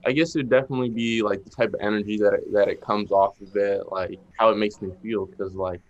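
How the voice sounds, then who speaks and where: A man's voice: fairly low pitch, fairly even intonation, fairly quick, muffled recording. A young man with a Boston accent, a rapper guest talking casually and rambling with lots of fillers. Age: young adult. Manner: laid-back, rambling with many fillers. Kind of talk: casual interview chat.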